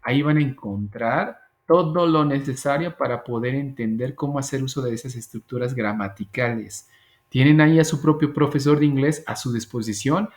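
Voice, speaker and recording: A man teaching an English grammar class over a video call, patiently repeating example phrases slowly. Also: mid-range voice, darkish tone. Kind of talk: online class explanation.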